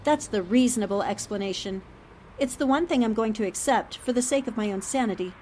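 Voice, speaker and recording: In an old-time radio drama, a woman voices an earnest newspaperwoman, her fairly high, warm, natural voice working through things deliberately. She sounds troubled and pondering, shaken yet determined, over a faint rumbling noise.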